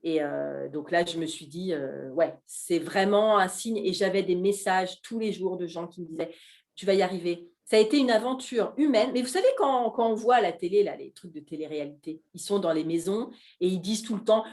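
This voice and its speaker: Middle-aged woman, Alsace-born chef guest; lively, halting café-talk delivery. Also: lowish voice. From Alsace, France. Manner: animated, hesitant with many fillers. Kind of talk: casual talk at a live café event.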